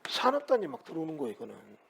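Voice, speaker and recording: Guy lecturing on real estate law, husky voice, high and really lively, keeps quizzing the class. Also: very fast. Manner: animated, asks students many rhetorical questions. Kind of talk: lecture to students.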